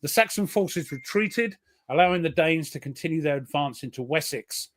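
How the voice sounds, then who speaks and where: A man's voice: fairly high pitch, expressive, moderate pace. A British man hosting a casual chat, joking and reading out history notes. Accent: British English. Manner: chatty, jokey, reads history facts aloud. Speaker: host.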